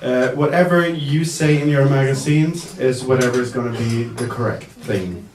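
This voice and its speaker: Demonstrating makeup live for the press at an indoor event, a man talks in a slow, hesitant way full of fillers, now and then cracking a joke. His medium-pitched voice has a darkish tone, picked up by a distant mic in an echoey room with faint noise.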